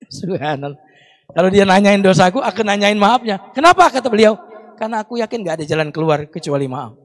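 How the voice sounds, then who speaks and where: A man's voice: high-pitched, lively intonation, fast. A young man preaching a Ramadan sermon to a congregation, chatty and teasing, breaking into recited Arabic prayers. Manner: conversational, teasing asides to the congregation. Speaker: Islamic preacher.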